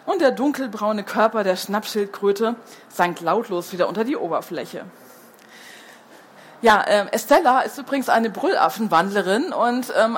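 A woman's voice: mid-range voice, a little hiss or hum. A woman reading a children's book aloud as the storyteller, who falls into hesitant fillers when she chats between passages.

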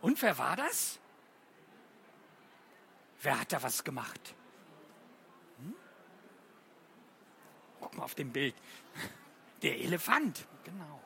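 A teacher reading playful poems aloud to children and quizzing them with questions along the way, in an animated sing-song manner. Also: mid-range voice, gravelly, a little hiss or hum. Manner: slow, sing-song, asks the listeners questions.

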